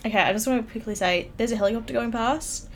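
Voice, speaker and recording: A nineteen-year-old YouTuber chats casually on her own solo podcast, her voice on the high side and her pace quick. She rambles and teases herself with giggly, self-mocking asides, recorded close on a studio microphone in an upstairs room at home.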